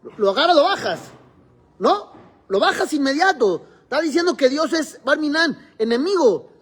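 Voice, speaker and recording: A man's voice: very high-pitched, expressive, moderate pace. A man, a rabbi teaching a religious class in a classroom, explaining step by step and quizzing his students.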